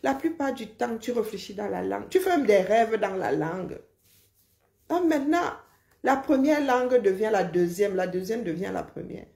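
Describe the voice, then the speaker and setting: A woman lectures and mocks in a loose, animated rant. Her voice has a gravelly fry to it. The sound rings with a roomy echo. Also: mid-range voice, normal speed, a little hiss or hum. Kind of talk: casual live rant.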